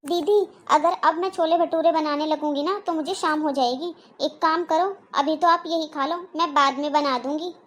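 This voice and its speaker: High-voiced polite young housewife, patient, cartoon, woman doing the voice. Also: fairly even intonation, normal speed, few pauses, a bit bright. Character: patient hardworking young daughter-in-law. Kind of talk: cartoon voice acting.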